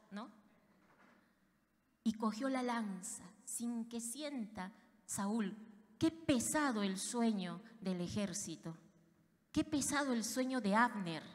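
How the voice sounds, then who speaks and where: A woman pastor preaching a fervent sermon, speaking directly to her congregation. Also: fairly high pitch. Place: church. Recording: reverberant church hall.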